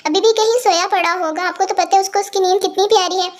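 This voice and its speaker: A woman's voice: very high-pitched, fairly even intonation, quick pace. A woman playing an apologetic young son. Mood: placating. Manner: apologetic, placating. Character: young man, polite son, easily flustered. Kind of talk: fan audio story acting.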